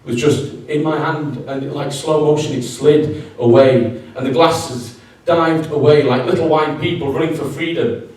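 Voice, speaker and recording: A man's voice: a little high, fairly even intonation, unhurried, hardly any pauses, a little mellow, far from the mic. A man with a Yorkshire accent performing a self-mocking comic story live on stage. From Yorkshire, England. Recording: roomy live venue, from afar.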